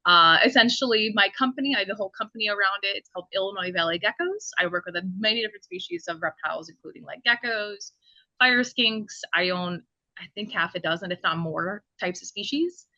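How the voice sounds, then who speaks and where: A woman's voice: medium pitch, brisk, bright, forceful tone, no room sound, lo-fi sound. A woman talking casually as a podcast guest about her costume work and hobbies, laughing often, on a video call from home. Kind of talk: casual chat. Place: home, indoors.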